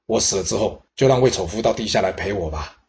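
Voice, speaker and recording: A man voicing an old, dying queen mother who speaks in an unhurried, dismissive way. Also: on the low side, expressive, vocal fry, a little mellow.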